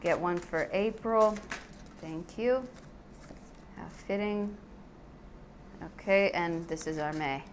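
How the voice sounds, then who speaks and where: A woman's voice: on the low side, slow, long pauses, a little hiss or hum. A woman hosting a casual, chatty tarot reading to camera, speaking to her viewers in an effusive, affectionate way. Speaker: tarot reader, channel host.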